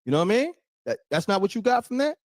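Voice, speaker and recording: Energetic man hosting a call-in livestream. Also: high voice, rapid-fire, no room sound. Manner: energetic, hyping the audience. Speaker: livestream host taking calls. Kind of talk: casual hype talk show.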